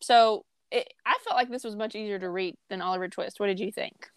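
A woman co-hosting a casual book chat podcast, chatty and excitable, often trailing off mid-sentence. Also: medium pitch, fairly quick, clean tone, dry recording. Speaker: podcast co-host.

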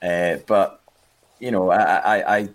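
A Scottish man co-hosts a podcast in casual chat, his low, steady voice moving slowly. He often restarts sentences and repeats words.

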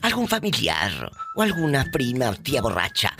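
A woman from Mexico hosting a radio call-in show, dramatic and gossipy, shouting catchphrases. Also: extremely low pitch, huge pitch swings, moderate pace, music in the background.

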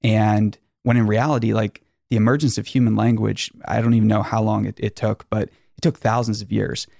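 Gravelly-voiced man chatting on a podcast. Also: lowish voice, flat delivery, normal speed, darkish tone, no room sound, clean studio sound. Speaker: podcast host. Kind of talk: casual podcast chat. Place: garage.

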